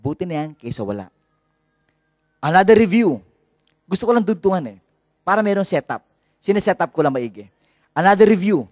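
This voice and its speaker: A Filipino priest delivers a sermon with a high, swinging voice that jumps all over its range. He shifts between Tagalog and English and keeps drawing in the congregation. The sound is close and dry. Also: fairly quick, pauses often, dry recording. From Philippines. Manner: lively, mixes Tagalog and English, calls out to the congregation.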